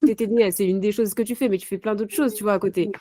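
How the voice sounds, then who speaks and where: A woman's voice: mid-range voice, fairly even intonation, fast talker, warm tone, dry recording. Hesitant woman interviewer, dry sound. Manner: hesitant, searching questions with fillers. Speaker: podcast host, interviewer. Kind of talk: interview questions.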